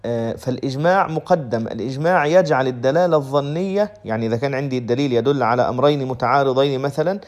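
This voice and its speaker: Speaking very fast in a mid-range voice, a male Islamic law teacher lectures methodically on a legal text, putting every point again in plainer terms.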